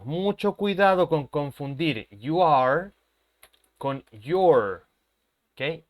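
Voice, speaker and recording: A man, an English teacher who explains patiently, repeats his points and keeps checking that his students follow. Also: medium pitch. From Chile. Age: 30s. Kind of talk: language lesson explanation.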